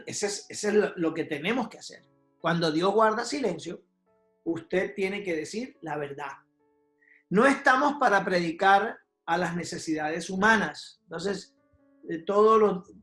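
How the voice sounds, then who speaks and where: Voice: mid-range voice, fairly bright tone. A preacher delivering a sermon to a congregation, emphatic and full of rhetorical questions and repeated checks for agreement. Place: church sanctuary. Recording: roomy church hall with faint music.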